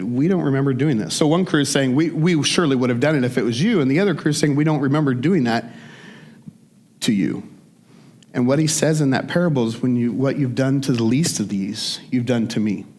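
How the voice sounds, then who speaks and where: A man, a pastor preaching a relaxed, conversational sermon full of fillers and restarts. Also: mid-range voice.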